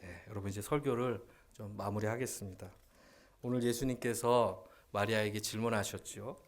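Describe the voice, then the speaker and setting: A man's voice: fairly low pitch, steady tone, moderate pace. A male pastor preaching a Sunday sermon in a church sanctuary, emphatic and full of rhetorical questions put to the congregation.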